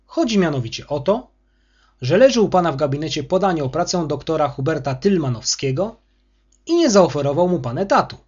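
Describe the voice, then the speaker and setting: A domineering, harsh school superintendent in an audiobook scene, performed by a male reader. His voice sits high, swoops with anger, and has a husky edge. The recording sounds muffled and lo-fi. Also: animated, brisk, a little mellow. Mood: bitter. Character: angry arrogant male school superintendent, bullying official.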